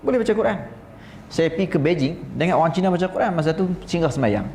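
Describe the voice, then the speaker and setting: A man with a northern Peninsular Malaysian Malay accent giving a religious lecture, telling stories in an animated way. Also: a little high, quick pace, a little hiss or hum. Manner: animated storytelling, mimics recitation styles. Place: seminar room. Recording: roomy seminar room, faint ambience.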